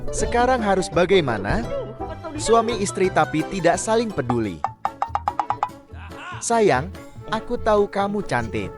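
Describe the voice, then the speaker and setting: A woman's voice: mid-range voice, big pitch swings, unhurried, long pauses. A woman voicing a lazy, whiny young husband who sulks at his nagging wife. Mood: sulky. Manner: whiny, sulky. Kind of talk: dubbed skit acting. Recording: music playing behind.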